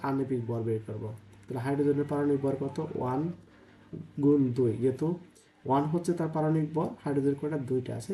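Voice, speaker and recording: A man's voice: medium pitch, warm tone, a little hiss or hum. A male chemistry tutor working through exam problems step by step, asking and answering his own questions and mixing English terms and numbers into his speech. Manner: thinks aloud, asks and answers own questions, "তাই না?" checks. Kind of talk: exam-prep lesson, working problems aloud.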